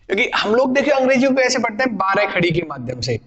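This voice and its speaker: High-voiced man teaching in a reverberant room. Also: very animated, fast, muffled recording, a loud crowd. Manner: explains patiently, asks and answers his own questions. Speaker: spoken English teacher. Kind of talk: classroom lesson.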